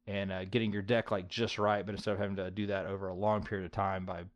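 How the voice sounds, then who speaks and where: A man's voice: low-pitched, flat delivery, fast, no room sound. A middle-aged man hosting a casual board game podcast, chatty and full of fillers. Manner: chatty, lots of likes and fillers. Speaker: podcast host.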